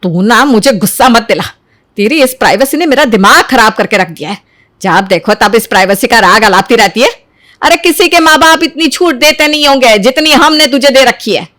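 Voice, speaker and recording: A woman's voice: a little high, animated, fairly quick, fairly bright tone. A woman voicing a worried middle-aged mother who frets and scolds her daughter. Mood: scolding. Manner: fretful, scolding.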